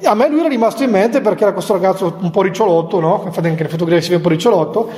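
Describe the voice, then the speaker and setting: High-voiced friar in an echoey hall. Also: male voice, rapid-fire, darkish tone. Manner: chatty, with humorous asides and chuckles. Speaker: Franciscan friar giving a retreat talk to nuns. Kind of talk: conversational spiritual talk. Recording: echoey hall with long reverb.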